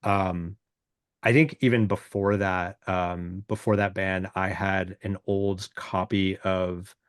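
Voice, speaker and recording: A deep, booming-voiced man, a musician who produces his own work, chats casually and reflectively as a podcast guest. His delivery is halting, self-deprecating and informal with little pitch movement, captured close and dry with no echo.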